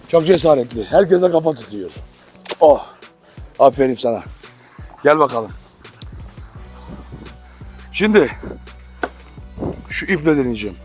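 A man handling large guard dogs on his farm, giving firm commands to calm and scold them while he explains what they do. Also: on the high side. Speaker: dog farm owner. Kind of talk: handheld dog-handling vlog.

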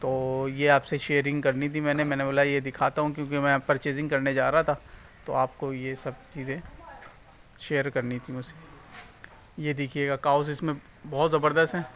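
A man's voice: medium pitch, level tone, moderate pace, fairly bright tone, slight background noise. A man, hosting a casual farming vlog as he walks through an open cattle shed and points things out to his viewers. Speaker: farming channel host. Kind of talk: casual walking tour vlog. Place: outdoors on a road, then inside an open-sided cattle shed.

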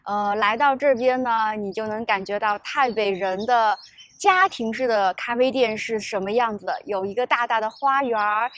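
With a fairly high-pitched voice, a Shanghai woman in her thirties speaks in Shanghai-accented Mandarin, talking cheerfully to the camera for her casual travel vlog. She's in a garden and wooden café that's mostly outdoors, wearing a small clip-on mic on her shirt, and soft music plays beneath.

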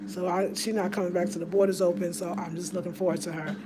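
Woman rambling excitedly on a home tour vlog, phone cam, noisy room. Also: fairly low pitch, fast talker. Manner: chatty, excitable, addresses viewers as y'all. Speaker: home decor vlogger. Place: small room of a house indoors. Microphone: handheld phone camera.

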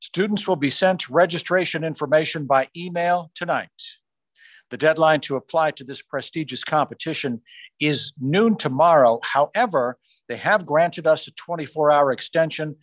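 A man formally reading out science fair award winners on a video call, rising in pitch on each school name. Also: no room sound. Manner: measured, formal announcing, rising on school names. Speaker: awards announcer. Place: small room on a video call. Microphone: video call microphone.

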